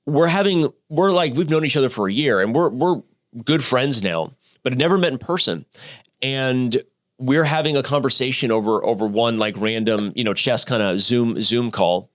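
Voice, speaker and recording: A man in his thirties, a guest on a podcast, tells his story in a loose, conversational way. He swears freely and stacks up fillers and restarts. He gets animated as the story builds. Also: mid-range voice, moderate pace. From Arizona, United States. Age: 30s. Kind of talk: casual storytelling interview.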